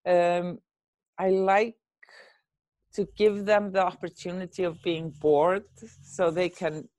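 Speaking slowly in a fairly low, level and slightly mellow voice, a middle-aged woman from Iceland who works as a film editor responds to casual interview questions. She is thoughtful and hesitant, often using fillers and restarting.

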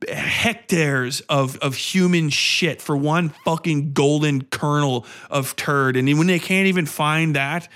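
A podcast host delivers a casual, opinionated rant, sardonic, exasperated and heavily profane. His voice is on the high side and fairly bright. He speaks slowly with few pauses.

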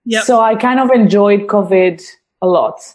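A woman's voice: medium pitch, moderate pace, darkish tone. A woman from Spain with a Spanish accent, a guest chatting casually and laughing often. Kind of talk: casual chat.

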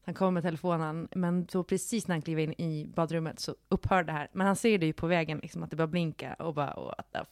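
A woman's voice: sits low, steady tone, few pauses, no echo, clean studio sound. A woman co-hosting a casual podcast, telling detailed everyday anecdotes in a chatty way. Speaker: podcast co-host. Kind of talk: casual chat.

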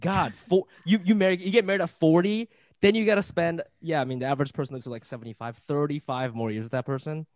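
A man in his thirties chatting casually on a podcast, rambling and restarting his sentences, getting excitable. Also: a little high, quick pace, no echo. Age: 30s. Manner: rambling, self-interrupting, excitable. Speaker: podcast co-host guest.

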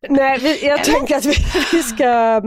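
A middle-aged woman co-hosting a podcast, chatting playfully with quick asides. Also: sits high, no room sound, clean studio sound. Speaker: podcast co-host. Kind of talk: casual chat. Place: podcast studio.

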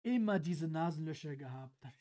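A man chatting casually as a podcast guest. He talks with emphatic, joking energy. His pitch swings widely from line to line. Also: moderate pace. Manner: lively, emphatic joking banter. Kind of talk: casual chat.

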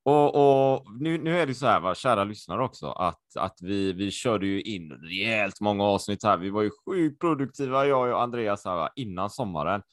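A man co-hosting a podcast over a video call, excitable and chatty, repeating himself with lots of fillers. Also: on the low side, few pauses, no echo, clean studio sound. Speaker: podcast co-host.

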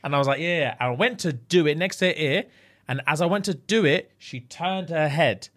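Using a London roadman accent and street slang, a man chats casually and tells stories, animatedly acting out the dialogue. His voice is a little high and moves at normal speed.

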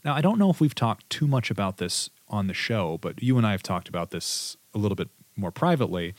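A man with a low voice hosts a casual history podcast. He talks conversationally and reads out quotes from his sources. The sound is dry and close. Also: expressive, a little fast, dry recording. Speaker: podcast host.

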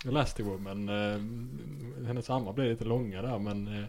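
A man co-hosting a relaxed podcast, mostly agreeing and adding brief remarks in a mid-pitched, conversational voice. His tone is easygoing and unhurried. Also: gravelly. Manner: agreeing, chiming in with short replies. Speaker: podcast co-host. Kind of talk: casual chat.

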